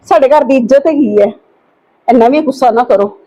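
A woman playing an aunt in a family drama, reasoning calmly and pleading for patience. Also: high voice, fairly quick, dull audio. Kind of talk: acted family drama dialogue.

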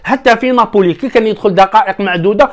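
A man's voice: high-pitched, racing. A young man with an Algerian Arabic accent, rambling animatedly through a casual football commentary vlog and addressing his viewers as brothers. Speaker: football vlogger.

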